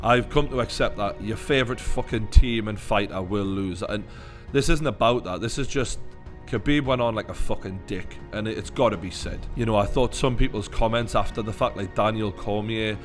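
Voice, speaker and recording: A man's voice: on the low side, moderate pace, faint music behind. Blunt, sweary Newcastle man. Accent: Newcastle Geordie. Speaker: YouTube fight commentator. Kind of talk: opinionated reaction commentary.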